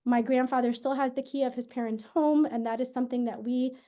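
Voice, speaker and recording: Educator lady from brooklyn, higher voice but mellow, proud and excited. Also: brisk. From Brooklyn, New York. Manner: proud, enthusiastic. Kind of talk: proud introduction.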